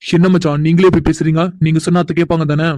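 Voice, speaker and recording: A man's voice: a little high, little pitch movement, rapid-fire, darkish tone, no room sound, lightly acted. A man doing an eager, coaxing young man. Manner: coaxing, persuasive. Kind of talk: cartoon voice acting.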